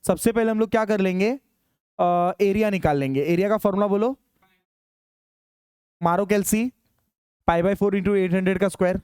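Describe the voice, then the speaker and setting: A man teaching engineering in a classroom, dictating formulas slowly and urging students to hurry. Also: sits high, darkish tone, smooth, no echo, studio quality. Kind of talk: classroom lecture solving problems.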